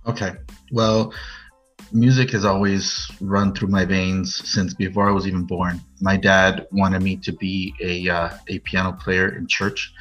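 An American man in his late forties from Norwalk, California, tells his personal story as a podcast guest, rambling casually and saying "you know" a lot. His voice is low, level, unhurried, and fairly bright. The audio is muffled and lo-fi, with music underneath.

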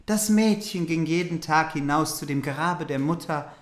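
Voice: mid-range voice, moderate pace. Echoey podcast host, mock-naive reader. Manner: naive questions, mock confusion. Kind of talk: comic fairy-tale reading and chat.

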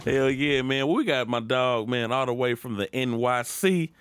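Guy, podcast host, medium pitch, slangy teasing cussing casual talk. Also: moderate pace, fairly bright tone, clean tone. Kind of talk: casual chat.

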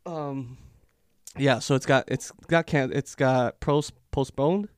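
A man's voice: mid-range voice, takes it slowly, clean tone, no room sound. A man co-hosting a podcast in natural, unscripted casual talk, rambling and self-deprecating, with some swearing. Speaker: podcast co-host.

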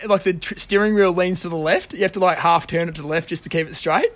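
A man's voice: high-pitched, fast, very noisy. An Australian man hosting a podcast in casual banter, with a blokey, slangy way of talking. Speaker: podcast host. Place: outdoors.

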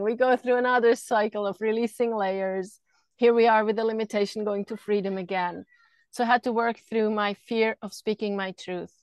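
A middle-aged Swiss woman, a guest on a podcast recorded in a camper van, speaks earnestly and fluidly about energy healing in casual interview talk. She often repeats words as she thinks. Her voice is a little high and clean, with no room sound.

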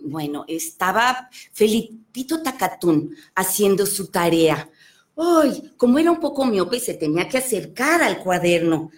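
A woman's voice: medium pitch, very animated, a little slow. A woman, a children's storyteller who talks expressively and exclaims often. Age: 50s. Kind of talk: animated storytelling.

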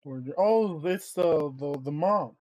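A man's voice: fairly high pitch, measured pace, a little mellow, no room sound, lo-fi sound. A man co-hosting a podcast, chatting casually and correcting himself as he goes. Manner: rambling, self-correcting. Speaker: podcast co-host. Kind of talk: casual chat.

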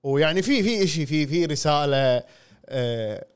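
A man's voice: fairly high pitch, lively intonation, moderate pace, smooth. A man co-hosting a casual podcast chat, laid-back and joking, with hesitant fillers. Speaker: podcast co-host.

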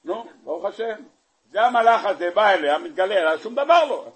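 A rabbi with a husky, slightly breathy voice delivers a sermon, retelling the scripture story with lively, animated flair. He keeps turning to his listeners with rhetorical questions. His voice sits high for a man. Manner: animated storyteller, acting out the scenes; asks the audience rhetorical questions. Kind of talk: weekly Torah portion sermon.

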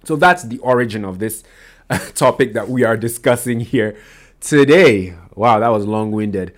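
A man's voice: lowish voice, a little slow. A man hosting a solo podcast, talking casually and rambling, often restarting and correcting himself with lots of fillers. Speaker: podcast host.

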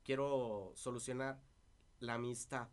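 A man's voice: medium pitch, fairly even intonation, a little slow. A man with a dry voice, talking through past disputes as an interview guest. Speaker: interview guest, party politician. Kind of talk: casual interview conversation.

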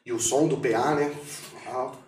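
A man's voice: medium pitch, normal speed, roomy sound, far from the mic, a little hiss or hum. A man, a radio announcer, telling stories in casual chat and acting out the dialogue he quotes. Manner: animated storyteller acting out quoted dialogue, shouting at punchlines. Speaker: radio announcer, podcast guest.

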